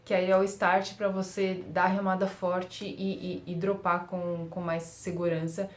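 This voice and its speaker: Speaking at a measured pace with a level tone, a young woman offers surfing advice as a surf vlogger in casual tutorial talk. Her voice is fairly low-pitched and the sound is roomy, and she keeps things chatty with fillers and frequent self-directed laughter.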